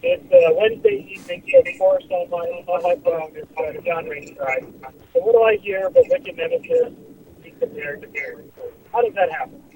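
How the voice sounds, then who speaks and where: A man's voice: very high-pitched, huge pitch swings, normal speed, gravelly, warm tone, slight background noise, poor audio. A man calling in to a casual radio show over a cell phone, talking in a rambling, hesitant way with restarts. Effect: phoning in over a cell phone. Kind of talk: casual radio call-in chat.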